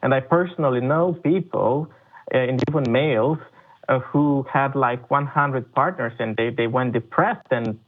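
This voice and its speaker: Male caller, hesitant and halting, heard over a tinny phone. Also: mid-range voice. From Romania. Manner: hesitant, many uhs and repeated starts. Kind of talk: phoned-in discussion.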